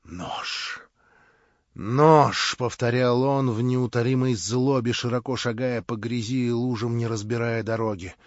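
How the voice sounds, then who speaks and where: A man's voice: medium pitch, little pitch movement, moderate pace, hardly any pauses, a little mellow, no echo. A man reading a novel aloud with dramatic expression, in a dull, dry recording. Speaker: audiobook reader. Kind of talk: scripted narration.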